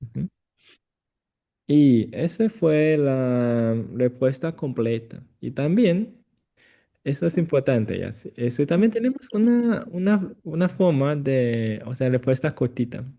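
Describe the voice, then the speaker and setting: Slow, gravelly-voiced male Chinese tutor. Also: mid-range voice, lively intonation. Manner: slow, repeats phrases, gentle corrections. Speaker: Chinese teacher. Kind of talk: patient one-on-one language lesson.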